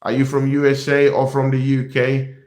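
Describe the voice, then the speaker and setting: A young man from Nigeria hosting a football channel in casual live-stream chat, animated and repetitive, calling his viewers "people". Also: medium pitch, moderate pace, reverberant.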